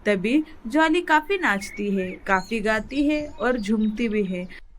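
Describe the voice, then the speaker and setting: Woman telling a kids cartoon story, highish voice, slight hiss. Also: expressive, slow pace. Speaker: narrator. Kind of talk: storybook narration for children.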